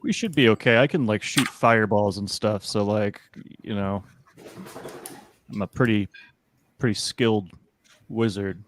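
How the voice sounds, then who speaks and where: A man's voice: on the low side, unhurried, long pauses, slight background noise. A man playing a tabletop game in character, talking in a hesitant, mild way with many fillers. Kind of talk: in-character play.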